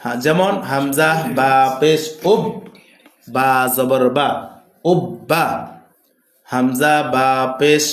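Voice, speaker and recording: A man with a Bangladeshi Bengali accent teaching Quran reading, spelling out Arabic letters with their vowel marks in slow, repetitive drills. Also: mid-range voice, fairly even intonation. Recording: echoey room.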